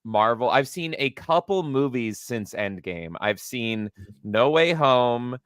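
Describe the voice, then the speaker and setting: A man talking as a podcast guest, chatty and self-deprecating in fast, run-on sentences. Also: mid-range voice, lively intonation, a bit bright, clean tone, no echo. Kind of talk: casual chat.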